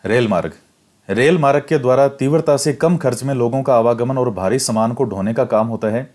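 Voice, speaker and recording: A male teacher with a mid-range voice works through a textbook chapter in class at a measured, even pace. He reads each line, restates it in simpler words, and repeats key facts step by step to help students prepare for exams.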